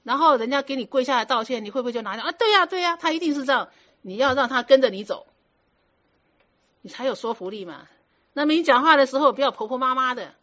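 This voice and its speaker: On a muffled lo-fi recording, a Buddhist teacher whose voice sits high with a fairly bright tone gives a dharma talk. She teaches her students firmly and instructively, in a conversational style, using rhetorical questions to check their grasp.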